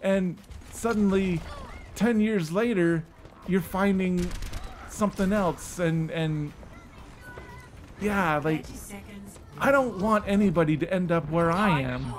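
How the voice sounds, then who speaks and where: A man's voice: high-pitched, slow pace, pauses often, slight background noise. A man in his thirties delivering a casual, weary and earnest back-in-my-day rant, repeating himself for emphasis. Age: 30s. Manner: emphatic repetition for stress.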